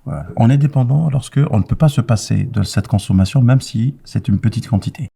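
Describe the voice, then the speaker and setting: Gravelly dark-voiced man giving advice. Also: medium pitch, fairly quick. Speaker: expert answering a caller. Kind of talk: explanatory advice.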